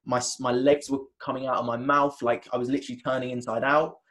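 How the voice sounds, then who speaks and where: A man talks as a guest in a conversation. His voice sits at an ordinary middle pitch. He tells a personal story with lots of restarts and fillers, and he acts out the words of his past self. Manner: animated retelling, acting out his own past words; halting, many restarts and fillers. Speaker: interview guest, wellness coach.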